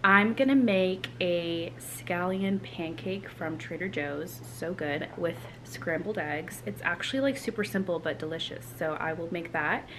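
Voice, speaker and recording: A young woman chatting casually to camera as a vlogger in her home kitchen, relaxed and full of filler words. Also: fairly low pitch, a little slow, few pauses. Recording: home recording with clear background noise.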